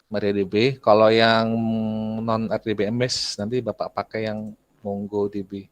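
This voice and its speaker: A man's voice: fairly low pitch, little pitch movement, moderate pace. Chatty male teacher quizzing his class. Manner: chatty, asks students questions, clears throat often. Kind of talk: online class lecture.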